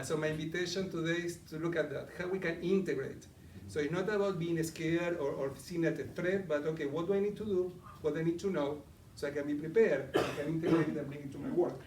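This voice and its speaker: This coaching presenter, a middle-aged Argentinian man, runs a live interactive talk, speaking conversationally and quizzing his listeners. The mic catches his slightly high, darkish voice from afar in an echoey meeting room, with faint ambience and slight background noise.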